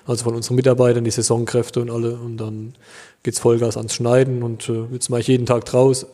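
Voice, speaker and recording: A German winemaker in his thirties answers interview questions in a relaxed, hesitant manner, using lots of fillers. His voice is mid-range and brisk, followed by a long reverb tail.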